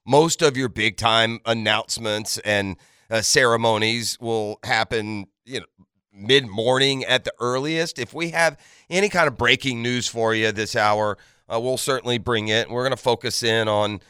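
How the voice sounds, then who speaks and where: A man's voice: medium pitch, moderate pace, pushed and bright, clean tone, no room sound, clean studio sound. A man hosting a morning sports radio show, talking in an earnest, emphatic, conversational way straight to his listeners. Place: radio studio. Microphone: close studio microphone.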